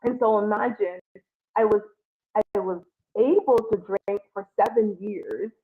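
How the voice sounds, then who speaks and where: A woman's voice: medium pitch, measured pace. A woman in her thirties, born in Jamaica and raised in Canada, co-hosting a casual livestream chat. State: a bit under the weather. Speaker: co-host. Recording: dull lo-fi stream audio.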